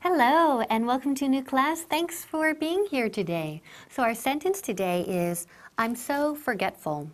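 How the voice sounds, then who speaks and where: A woman teaching English to Spanish speakers, switching between both languages and repeating words slowly so learners can copy them. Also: high-pitched, animated.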